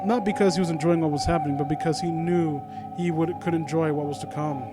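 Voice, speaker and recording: A man with a slightly high voice, fairly even intonation and a quick pace hosts a story critique series, reading a story and giving blunt, casual commentary full of stammers, rephrasing and a few swear words. Background music plays, and his new handheld mic, held at an uneven distance, lets his voice drift soft.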